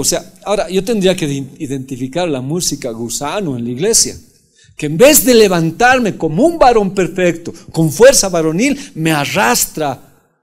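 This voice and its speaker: High-voiced male pastor preaching. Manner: conversational preaching with frequent rhetorical questions. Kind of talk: sermon.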